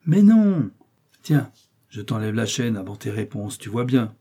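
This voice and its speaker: A man's voice: lowish voice, fairly even intonation, normal speed, dark tone, husky. A man voicing a confident master detective who speaks firmly and reassuringly. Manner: firm, reassuring.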